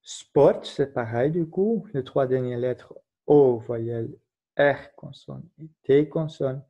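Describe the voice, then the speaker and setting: A man's voice: mid-range voice, slow pace, warm tone. A man giving a recorded grammar lesson, patiently explaining rules and spelling out letters one at a time. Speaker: teacher. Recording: dull lo-fi recording.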